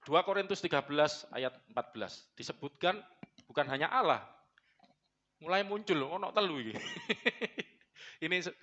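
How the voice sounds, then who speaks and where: Blunt, joking pastor. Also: male voice, on the high side, bright, forceful tone, lo-fi sound. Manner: joking, blunt, mixes in Javanese phrases. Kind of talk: sermon. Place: church.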